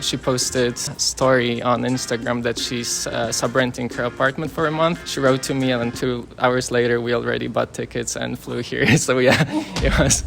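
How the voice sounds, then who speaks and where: A man from Poland, a software developer, answering street interview questions slowly and hesitantly. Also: medium pitch, flat delivery, vocal fry, faint music behind. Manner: slow, hesitant, with fillers.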